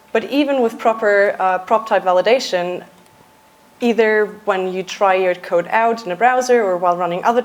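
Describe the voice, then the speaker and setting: Her voice medium in pitch, a young adult woman from Austria presents a software engineering talk at a conference. She keeps it casual, jokes lightly, and says uh often.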